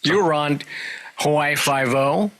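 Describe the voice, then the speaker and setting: A man's voice: fairly high pitch, unhurried, a bit bright, poor audio. A man in his sixties hosting a podcast, telling rambling, jokey anecdotes full of asides in a casual interview chat. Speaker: podcast host.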